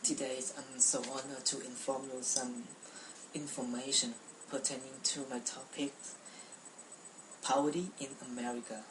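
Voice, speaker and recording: A woman's voice: very deep voice, little pitch movement, normal speed, echoey room, far from the mic, noisy background. A young woman from Cambodia giving a prepared class speech, speaking carefully with frequent restarts and repeated words.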